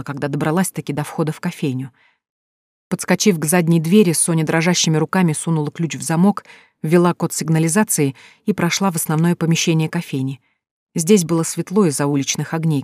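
A narrator reading a thriller audiobook in a measured, tense storytelling manner. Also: medium pitch, darkish tone, dry recording, clean studio sound.

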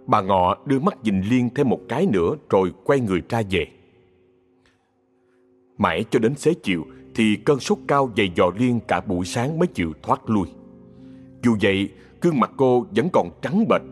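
A man narrating a ghost story in a measured, scripted storytelling manner. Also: lowish voice, lively intonation, faint music behind. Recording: long reverb.

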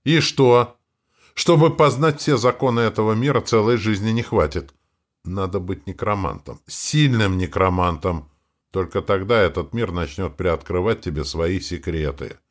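Male narrator doing a contemptuous bearded forest elder, low voice with wide swings. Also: animated, unhurried. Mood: lecturing. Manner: lecturing, contemptuous. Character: bearded old man of an eerie forest, scornful and blunt.

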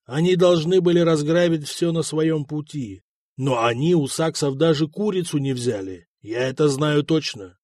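Man reading old king, stern, domineering, blunt, scornful, slightly high voice, dry close sound. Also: expressive, moderate pace, a little mellow, no echo. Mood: stern, commanding.

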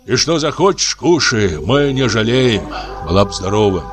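A male reader voicing a gentle old merchant who speaks softly and tenderly in an audiobook. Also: fairly low pitch, big pitch swings, moderate pace, over music.

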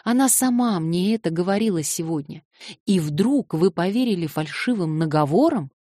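A woman's voice: on the low side, lively intonation, normal speed, dark tone, no echo, studio quality. A woman reading the lines of an earnest man who reproaches a younger one, in an audiobook. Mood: reproachful. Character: adult man, earnest first-person narrator, reproachful.

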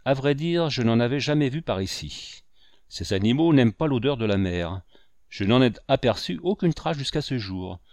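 A man's voice: medium pitch, lively intonation, moderate pace, a little mellow, no echo, lightly acted. A man voicing a boisterous old frontier hunter in an audiobook, hearty and boastful. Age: older. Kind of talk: audiobook character voice.

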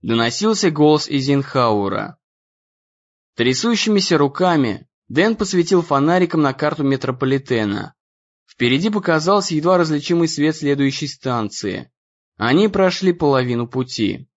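A man narrating an adventure audiobook in an expressive storytelling reading. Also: a little high, normal speed, dull audio.

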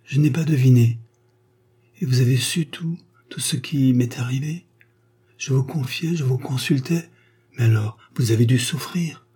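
A wistful, refined woman of fifty, as a male reader puts her on, speaks with earnest feeling. The voice is mellow and a little husky. It is a story read aloud. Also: mid-range voice, measured pace. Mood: heartfelt. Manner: earnest, heartfelt confession. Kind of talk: audiobook reading of a short story.

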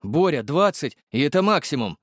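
A man voicing a jittery, cautious young male driver who haggles excitedly. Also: on the high side, moderate pace, dry recording, clean studio sound, pitched above the performer's own voice. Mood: agitated.

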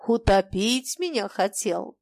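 A woman's voice: mid-range voice, expressive, slow pace, a little mellow, dry recording, clean studio sound. A woman reading aloud and voicing a bold, reckless young woman with a brash, scornful manner. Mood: clinging.

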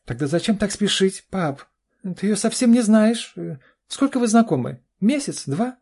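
A man's voice: a little high, lively intonation, normal speed, warm tone, husky, pitched above the performer's own voice. A man voicing a pushy, anxious young adult daughter in an audiobook, pleading and insistent. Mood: incredulous. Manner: pleading, insistent, keeps saying "dad". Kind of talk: audiobook character voice.

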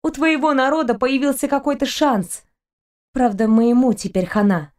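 A defiant young heroine in a storybook, voiced by a woman reader, sharp and pleading. The voice sits high, and the lines come out as outbursts. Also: normal speed, lightly acted.

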